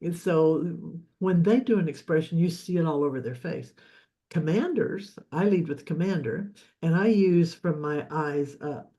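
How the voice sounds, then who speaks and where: In an unhurried, mellow, fairly high voice, a leadership coach leads a live session on leadership and communication. He explains in a loose, repetitive way, repeating words and restarting often.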